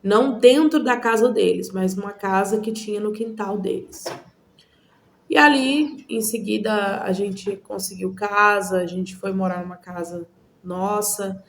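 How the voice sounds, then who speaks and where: A woman from Goiânia, Brazil, giving an earnest personal testimony to camera, speaking in measured phrases with frequent pauses. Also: medium pitch, gravelly, slight background noise.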